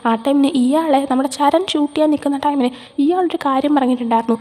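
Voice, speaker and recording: A woman's voice: sits high, fast, warm tone. A young woman hosting her channel, chatting her way through a casual recap of a series episode and mixing English words into her speech. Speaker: channel host.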